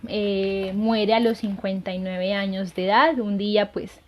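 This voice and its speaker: A woman's voice: mid-range voice, fairly even intonation, measured pace. A woman missionary earnestly telling a saint's life to viewers, hesitating often with fillers. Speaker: lay missionary. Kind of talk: devotional storytelling. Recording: dull lo-fi sound.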